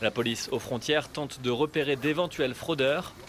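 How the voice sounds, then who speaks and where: A man's voice: mid-range voice, normal speed, fairly bright tone, slight background noise. A man reading scripted narration for a television news magazine report as its reporter. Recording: voice-over with music and outdoor sounds. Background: music, airport ambience, vehicles.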